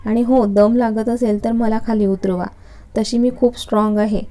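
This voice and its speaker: A woman's voice: fairly high pitch, steady tone, moderate pace, mellow, close to an everyday voice. A woman reading the part of a playful young female student in a story, speaking in a teasing, cheeky way.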